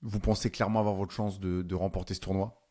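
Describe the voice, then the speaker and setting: French-accented male interviewer, brisk and upbeat. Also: low voice, level tone, a little mellow. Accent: French (France). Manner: upbeat, brisk with short affirmations. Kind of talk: casual interview.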